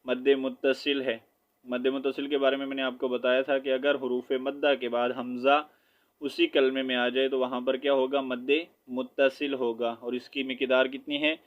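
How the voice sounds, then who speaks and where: A man with a Pakistani Urdu accent teaching Quran recitation online, patiently spelling out syllables and reciting slowly with frequent "theek hai". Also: medium pitch, little pitch movement, phone-quality sound.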